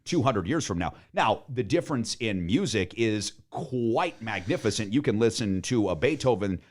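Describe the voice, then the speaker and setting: A man's voice: fairly low pitch, animated, normal speed. An American man hosting a podcast, riffing in a casual, opinionated way with emphatic asides. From United States. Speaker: podcast host.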